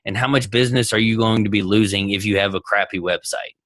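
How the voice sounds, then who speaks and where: A man's voice: lowish voice, steady tone, fast talker, fairly bright tone, no room sound, poor audio. Enthusiastic Texan man on a video call. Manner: rambling, enthusiastic, lots of restarts. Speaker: guest entrepreneur. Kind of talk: casual interview over video call.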